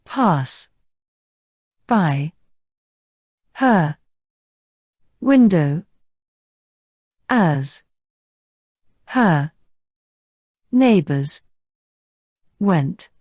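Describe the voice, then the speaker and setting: Very slow, husky woman reading dictation. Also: fairly low pitch, dark tone, no room sound, studio quality. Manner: measured, deliberate, pausing after each word or short phrase. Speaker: dictation reader. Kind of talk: slow school dictation, reading a story in separated words.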